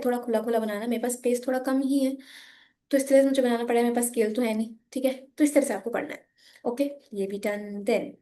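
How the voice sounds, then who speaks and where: A young Indian woman with a hoarse, sore voice, patiently teaching an economics lesson while drawing graphs and speaking softly. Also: fairly high pitch. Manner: patient, repeats "ठीक है" often, switches between Hindi and English.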